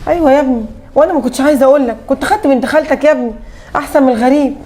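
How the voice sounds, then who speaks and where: An actress playing a scheming, spiteful mother-in-law, with an Egyptian Arabic accent and a scolding, sharp-tongued manner. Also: sits high, very fast, natural voice. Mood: sweetly complaining. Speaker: actress in a web drama.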